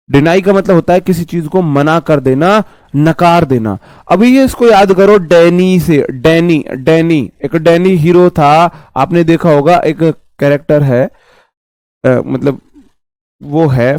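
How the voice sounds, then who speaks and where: A man's voice: fairly high pitch, a little mellow, no room sound. A male coaching teacher with a sore, worn-down throat, explaining English vocabulary in a chatty class that keeps circling back on itself. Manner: chatty, repeats himself, calls students "bhai". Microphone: mic placed close.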